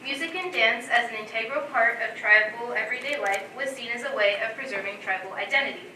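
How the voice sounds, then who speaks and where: A young woman student reads a prepared talk to a live audience in a steady, formal way. Her voice is very bright and a touch high. The sound is distant and echoey. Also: fast, slight background noise. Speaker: student presenter. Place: college event room. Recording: roomy echo, distant from mic.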